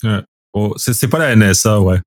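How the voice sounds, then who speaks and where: Low guy chiming in, dry sound, a bit far off. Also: normal speed, dry recording. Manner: brief interjections. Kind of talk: casual chat.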